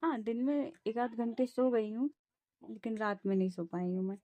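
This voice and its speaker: Mellow-voiced young mother vlogging at home. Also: a little high, moderate pace, dry recording, lo-fi sound. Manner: soothing sing-song coaxing to her baby. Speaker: mother vlogging her day. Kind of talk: casual home vlog talk.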